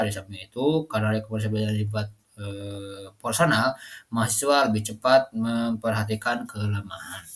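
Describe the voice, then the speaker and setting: This university student is a young adult man whose voice is medium-pitched and fairly bright. Presenting to his class, he hesitates often, filling gaps with fillers and restarting his sentences again and again.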